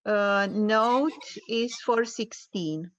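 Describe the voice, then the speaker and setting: Slow, careful woman from Romania. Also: mid-range voice, no room sound, highs cut off. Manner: slow, careful, hesitant with fillers. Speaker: caller asking about a note. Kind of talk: live Q&A call.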